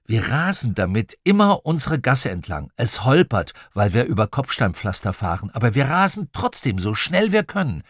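A man narrating a children's audiobook, telling the story in a lively, expressive way into a close studio mic. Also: medium pitch, normal speed, hardly any pauses, husky, no room sound. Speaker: audiobook reader.

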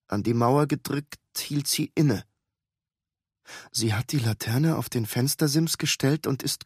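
A man narrates a story in a calm, measured voice of middle pitch. The storytelling is steady and scripted, and the sound is dry and close to the mic. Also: husky, no room sound. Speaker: audiobook narrator.

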